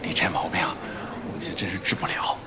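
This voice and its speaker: A man playing a hurried placating ER doctor. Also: a loud crowd, close to an everyday voice. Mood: coaxing. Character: harried male ER doctor, placating. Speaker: emergency doctor.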